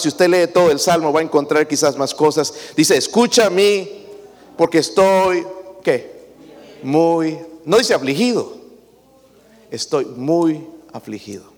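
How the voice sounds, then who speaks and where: A man's voice: sits high, in a large hall. A man preaching a sermon as pastor, asking his congregation questions as he goes.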